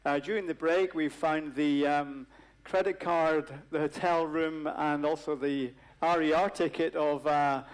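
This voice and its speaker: Male moderator, 50s, slightly high voice, chatty with fillers and asides, on a large conference stage. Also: steady tone, unhurried, smooth, poor audio. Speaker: panel moderator. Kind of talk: live event moderation.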